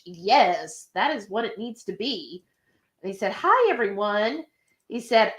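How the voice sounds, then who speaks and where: A Texan woman with a slightly high, fairly bright voice hosts a live cooking stream. She chats casually, reads viewer comments aloud, and stays encouraging, drifting into drawn-out asides.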